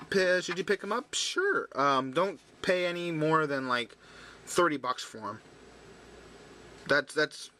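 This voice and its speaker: A man's voice: medium pitch, sharp tone, slight background noise. A man casually reviewing a toy while handling it, rambling and chatty with many fillers and restarts, his voice a bit dry. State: voice drying out.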